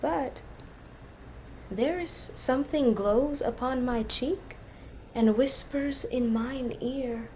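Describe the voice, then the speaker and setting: A woman's voice: sits high, slow, dark tone, slight background noise, poor audio. An actress playing a young orphaned noblewoman, sorrowful and dignified, speaking classical verse in an earnest, formal way. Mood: quiet sorrow. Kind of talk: classical verse stage acting.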